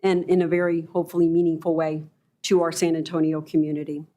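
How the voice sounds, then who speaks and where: A woman giving a formal prepared presentation to a board as a school representative, in deliberate, measured phrases. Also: deep voice, level tone, dark tone.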